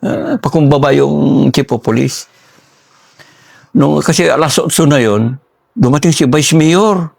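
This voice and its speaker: An older man, a former soldier, telling his story in a casual interview and acting out the dialogue with lively, raised voices. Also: a little high, measured pace, gravelly, pauses often. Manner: animated, acts out quoted dialogue in a raised voice.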